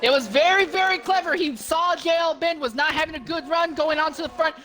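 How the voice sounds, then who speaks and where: A man works as a live motorsport commentator. His voice is bright and sharp, and he calls the race in detailed play-by-play. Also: very high voice, fairly quick.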